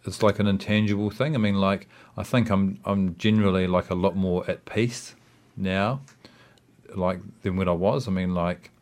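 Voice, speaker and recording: A man with a distinctly deep voice and a New Zealand accent talks as a guest in a casual interview. He feels his way through each thought, rambling and reflective, often restarting and padding with small filler phrases. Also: fairly even intonation, moderate pace, a little mellow. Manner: hesitant, rambling, reflective, with frequent "you know" and "I mean".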